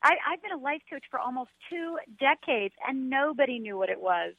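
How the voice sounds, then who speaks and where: A middle-aged woman guest speaks by telephone, so her voice comes through narrow and tinny with no room around it. She tells her story earnestly and with feeling, jumping higher whenever she mimics her old self. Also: expressive, fairly quick, creaky, no room sound. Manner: earnest, emotional, voice rises when quoting herself. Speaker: guest, life coach. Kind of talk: radio interview, personal story. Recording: tinny phone line.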